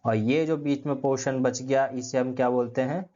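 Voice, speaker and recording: A man's voice: medium pitch, fairly even intonation, normal speed, mellow. A man giving a classroom lecture, asking questions and answering them himself, repeating key terms and using everyday comparisons. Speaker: teacher. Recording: dull lo-fi sound.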